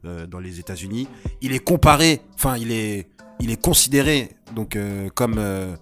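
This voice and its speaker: A man's voice: fairly low pitch, animated, moderate pace. A man hosting a casual group chat, talking with many hesitations and restarts, with faint music behind. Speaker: host.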